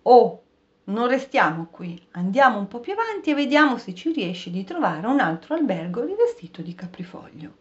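A woman voicing a fussy, excitable male traveller in an audiobook reading. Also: extremely high pitch, moderate pace, dull audio. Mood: pleading.

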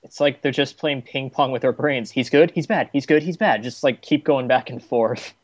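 A man's voice: medium pitch, normal speed, no room sound. Wry man on a slightly dull mic. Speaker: podcast co-host. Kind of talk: casual chat.

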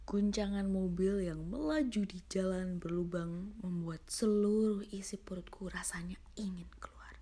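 Female storyteller for horror readings, mid-pitched, very unhurried delivery. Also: warm tone. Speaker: host and reader of an online horror story show. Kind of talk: slow read-aloud horror narration.

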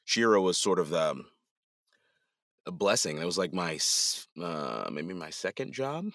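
A man's voice: low-pitched, sing-song, a little slow, fairly bright tone, dry recording, studio quality. A man who works as a voice actor, a guest chatting casually in an interview and rambling with many restarts.

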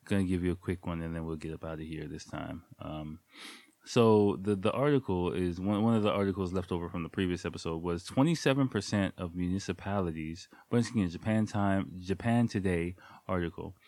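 The host, a man with a deep, darkish voice, speaks fairly quickly through a stuffy, cold-clogged nose on his casual solo podcast. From home late at night, he rambles loosely with many ums and joking sound effects, and the recording carries no room sound.

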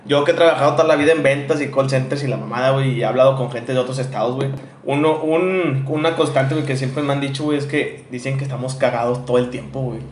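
A man's voice: medium pitch, fairly even intonation, fast talker, echoey room, slight background noise. A man from Monterrey with a northern Mexican accent, co-hosting a podcast in casual, slangy, swear-filled chat. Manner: slangy, swears a lot, says "güey" constantly. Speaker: podcast co-host.

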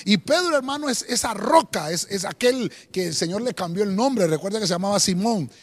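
A man's voice: sits high, expressive, a little fast, breathy edge. A man preaching a sermon as pastor, speaking directly to the listener and often adding "hermano". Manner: preaching with rising emphasis, repeated "hermano".

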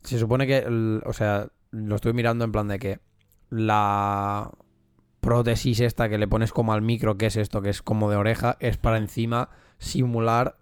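A man's voice: fairly low pitch, level tone, moderate pace, clean tone, no echo, clean studio sound. A man with a Spanish accent from Spain, chatting casually in a slangy, jokey way as a podcast co-host. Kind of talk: casual chat.

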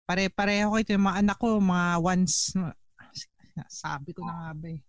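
A woman's voice: lowish voice, steady tone, normal speed, no room sound. A woman, a doctor and mother, chatting as a guest and playfully scolding the host. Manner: playfully scolding, laughs often. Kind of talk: casual chat.

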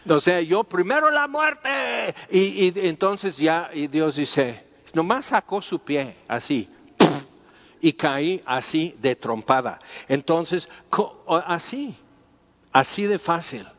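A man's voice: a little high, animated, slow pace. A man teaching through a Bible passage in an informal, conversational way. He repeats himself and uses many fillers as he talks. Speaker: preacher. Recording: dull, lo-fi sound with long hall reverb.

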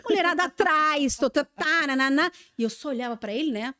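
Woman, high and very expressive voice, animated podcast storyteller who acts out the lines. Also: brisk. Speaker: podcast guest, TV journalist. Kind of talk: casual storytelling chat.

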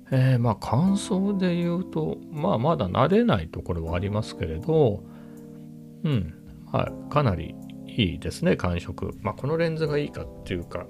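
A man with a low, gravelly voice talks casually in a rambling vlog, now and then sinking into a hushed near-whisper. Clear guitar music plays behind him the whole time. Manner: rambling, chatty, sometimes drops to a hushed low voice. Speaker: camera vlogger. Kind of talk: casual chat. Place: at home with family in next room.

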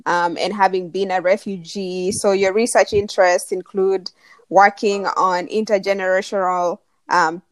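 Upbeat lady asking interview questions, middle pitch, dry close sound. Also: dry recording.

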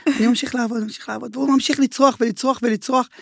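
A man talking as a chef guest in a casual interview. He tells his stories in an animated way and uses a lot of filler words. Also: very high-pitched, creaky, no room sound, studio quality. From Israel.

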